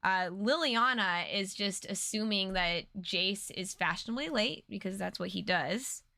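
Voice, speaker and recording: A woman's voice: medium pitch, a little slow, gravelly, sharp tone, dry recording. A woman co-host chatting casually and reacting to a story with emotional, enthusiastic fan commentary. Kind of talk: casual lore recap chat.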